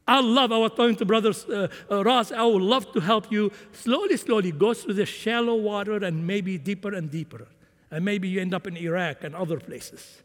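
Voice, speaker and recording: A man who grew up in Syria, preaching a sermon with impassioned swings in volume. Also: high voice. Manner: impassioned, rising and falling volume. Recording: long hall reverb.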